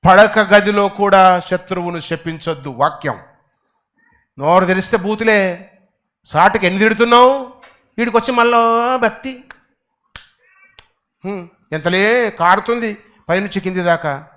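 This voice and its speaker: A man preaching a church sermon, swinging from quiet asides to loud exclamations and quizzing the congregation. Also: high-pitched, unhurried, pauses often. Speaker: pastor.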